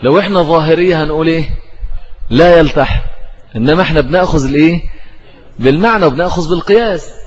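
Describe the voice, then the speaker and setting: Husky Egyptian teacher in echoing hall. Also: male voice, fairly high pitch, fast, pauses often. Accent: Egyptian Arabic. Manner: asks and answers his own questions. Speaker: religious teacher. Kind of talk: religious lesson explaining hadith. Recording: dull, reverberant hall recording.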